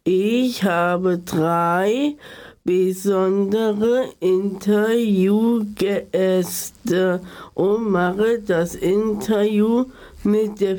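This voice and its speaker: Slow-speaking woman radio host. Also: mid-range voice, a little mellow. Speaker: show host. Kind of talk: radio interview.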